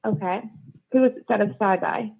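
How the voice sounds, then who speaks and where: A woman's voice: mid-range voice, normal speed, vocal fry. A woman calling in to a live stream for a casual political discussion, rambling and searching for words, on narrow call audio.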